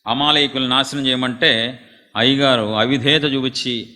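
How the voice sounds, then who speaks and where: Dramatic, bright-voiced preacher in an echoey hall. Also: male voice, steady tone, normal speed. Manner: dramatic, swings from hushed to loud and high. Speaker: pastor. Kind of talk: sermon. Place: large meeting hall.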